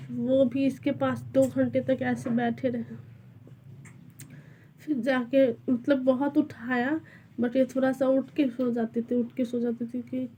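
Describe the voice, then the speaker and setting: A young woman with a high, fairly flat voice and a mellow, soft tone, chatting casually in a home vlog. She sounds shaken as she talks it through, and there is faint noise behind her. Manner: anxious, retelling a scare. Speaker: vlogger. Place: small rented room at home.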